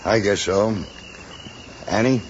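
An American actor playing a wary, gruff middle-aged rancher in an old-time radio western, with a terse, commanding manner. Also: male voice, lowish voice, slow. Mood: resigned. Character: wary, gruff rancher and father holding captives. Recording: muffled, noisy old radio recording.

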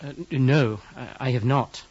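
A man's voice: mid-range voice, normal speed, a little mellow, husky. A young man voicing a nervous young male clerk held prisoner, who narrates a radio drama in an earnest, increasingly fearful way. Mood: hesitant. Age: young adult. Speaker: narrator and lead character. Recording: dull lo-fi audio with music behind.

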